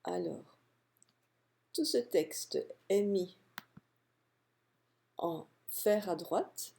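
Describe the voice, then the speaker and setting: A woman calmly walking through a software tutorial step by step, narrating her clicks. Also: on the low side, breathy edge. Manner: calm step-by-step explaining, unhurried. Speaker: software instructor. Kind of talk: screen-recorded software tutorial.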